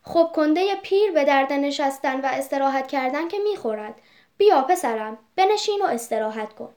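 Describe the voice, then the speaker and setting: A generous old tree from a storybook speaks in a tender, pleading way, voiced by a woman reader. The voice sits high and soft. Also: lively intonation. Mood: sorrowful.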